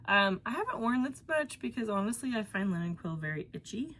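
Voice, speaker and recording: Stuffy from allergies, this young woman chats casually on the knitting podcast she hosts from home, rambling with lots of fillers. Her medium-pitched voice is very animated, fairly bright, and moves a little fast.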